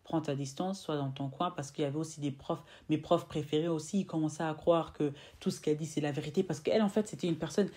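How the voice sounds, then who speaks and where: A young woman in her twenties tells a personal story straight to her viewers in a low, mellow voice. She slips into the voices of the people in her story and often circles back to repeat or restart a phrase. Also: fast, hardly any pauses. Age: 20s. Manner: animated, acts out quoted exchanges. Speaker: vlogger. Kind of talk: casual storytime monologue.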